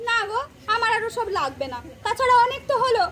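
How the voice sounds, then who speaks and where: A woman acting a brisk young daughter-in-law. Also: very high voice, big pitch swings, fairly bright tone, a little hiss or hum, heavily acted. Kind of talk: amateur stage play acting.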